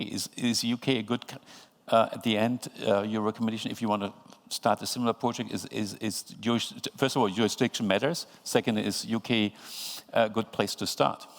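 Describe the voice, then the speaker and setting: Moderator, male, low gravelly voice, halting questions, hall reverb. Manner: halting questions, steady backchannel. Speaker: panel moderator. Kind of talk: moderating a conference panel. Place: large conference hall. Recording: long reverb of a conference hall.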